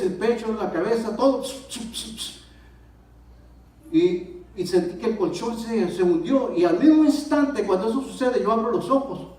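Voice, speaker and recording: A man with a Mexican accent giving a personal testimony in church, telling his story with lively, acted-out dialogue. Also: high voice. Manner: animated storyteller, acts out dialogue. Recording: echoey church hall, distant mic.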